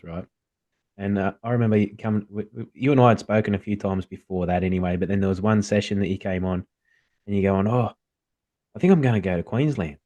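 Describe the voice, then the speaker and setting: An Australian man, podcast co-host, chatting in an animated, supportive way and acting out remembered conversations. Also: fairly low pitch, no echo. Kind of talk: casual chat.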